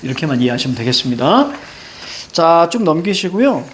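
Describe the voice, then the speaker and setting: A middle-aged man teaching a class, telling a personal story in a lively, casual way and mixing informal and polite speech. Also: fairly high pitch, fairly quick, slight background noise. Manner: animated, switching between casual banmal and polite endings.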